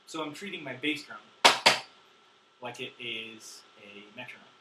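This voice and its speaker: A man's voice: medium pitch, unhurried, heavy background noise. A man teaching drums in a loose, chatty way, counting beats aloud with plenty of ums, wired on caffeine. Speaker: drum teacher. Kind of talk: casual instructional talk.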